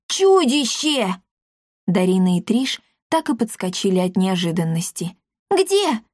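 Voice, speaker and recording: A woman narrating an audiobook in a measured storytelling manner. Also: on the low side, warm tone, dry recording, clean studio sound. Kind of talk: scripted narration.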